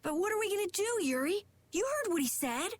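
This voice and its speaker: A woman voicing an excitable, anxious young boy in a fantasy video game, youthful and squeaky. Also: quick pace. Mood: worried.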